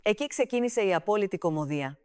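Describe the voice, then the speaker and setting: A woman narrating a comic family story with an even, steady storytelling delivery, recorded close to the mic. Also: medium pitch, smooth, no room sound.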